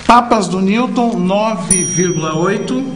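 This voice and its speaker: A man's voice: high voice, slow pace, soft background music. A male teacher judging a student contest, explaining his scores hesitantly with restarts. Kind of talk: evaluating answers.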